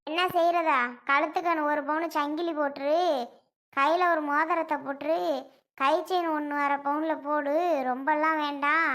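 A woman playing a fussy, sharp-tongued old grandmother, scolding and complaining in a family comedy skit. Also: high-pitched, flat delivery, normal speed. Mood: bossy.

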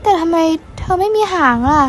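A very high, girlish mermaid princess, acted by a woman, friendly and protective. She speaks in eager, reassuring exclamations in a homemade fantasy story style. Faint noise sits behind the voice. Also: fairly quick. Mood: puzzled. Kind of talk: amateur story role-play dialogue.

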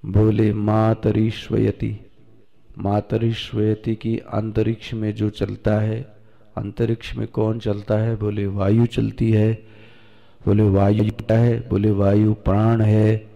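A man's voice: on the low side, monotone, creaky, mellow, dull audio. A man from India, a swami, giving a scripture discourse to listeners, asking rhetorical questions and answering them himself, and drawing out Sanskrit verses. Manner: slow, drawn-out recitation of Sanskrit; addresses listeners directly, teacherly.

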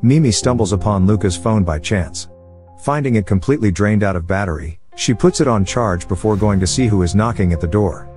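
A man reading a scripted movie recap as narrator, with a steady, even storytelling delivery. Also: on the low side, fairly quick, faint music behind.

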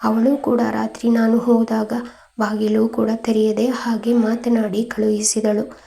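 A woman puts on an anxious middle-aged father in a storybook tale, gentle and pleading. The voice is gravelly and dark, with a flat, even pitch. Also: measured pace. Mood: dismayed. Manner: pleading, worried questions.

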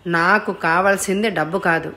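A woman reading an audiobook voices a calm, taunting young male blackmailer on the phone. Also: lowish voice. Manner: calm, unhurried and mocking. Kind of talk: audiobook character voice.

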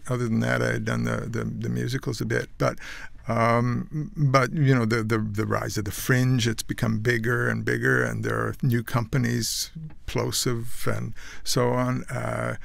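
In a small purple-curtained studio, a boom mic records a sixties-aged guest actor and painter, born in the Netherlands and raised in Canada, rambling through his life story with restarts and wry asides. His mid-range voice stays level and unhurried, with vocal fry, few pauses, and no echo.

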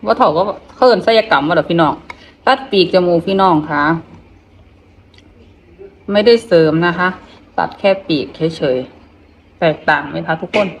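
A middle-aged woman with an Isan accent chats casually while eating, talking with her mouth full, haltingly, repeating phrases and murmuring between them. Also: fairly low pitch, animated, slight background noise, low-quality recording. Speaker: vlogger.

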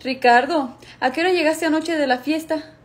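A woman's voice: high-pitched, moderate pace, natural voice. A woman playing a stern, exasperated mother who scolds her teenagers in a comedy skit. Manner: scolding, no-nonsense.

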